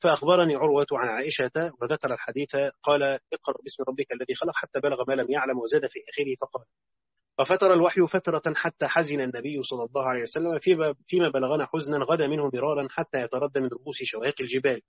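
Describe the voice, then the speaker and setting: A man reading a classical religious commentary aloud in a steady, formal, recitation-like way, now and then correcting himself. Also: medium pitch, rapid-fire, breathy edge, no echo. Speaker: audiobook reader. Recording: dry phone-like narrow sound.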